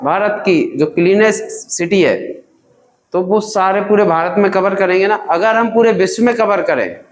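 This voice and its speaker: A man's voice: high-pitched, normal speed, reverberant, poor audio. A man teaching grammar in a classroom, drilling students with repeated questions and calling them children. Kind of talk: classroom lesson.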